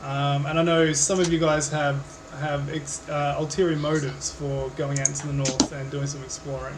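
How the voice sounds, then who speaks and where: Male game master, casual hesitant narration, slightly high voice, noisy background. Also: level tone, moderate pace. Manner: hesitant, many fillers.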